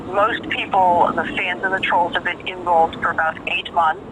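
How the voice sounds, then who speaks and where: A woman's voice: fairly low pitch, steady tone, normal speed, background noise. A woman talking casually on a phone call, emphatic and profane, repeating phrases for stress. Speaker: caller.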